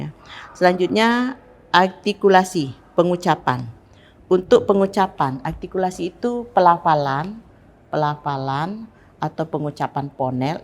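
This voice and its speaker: A woman from Palembang teaching recitation technique, speaking slowly and deliberately and demonstrating sentence intonation. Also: fairly low pitch. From Palembang, Indonesia. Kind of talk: instructional lesson on recitation technique.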